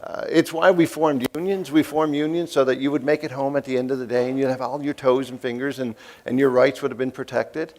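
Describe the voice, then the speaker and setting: A man's voice: mid-range voice, fairly even intonation, fairly quick, few pauses, a little mellow. A man in his fifties, from the East Coast, giving a folksy, joking keynote speech and asking the audience questions. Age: 50s. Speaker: keynote speaker.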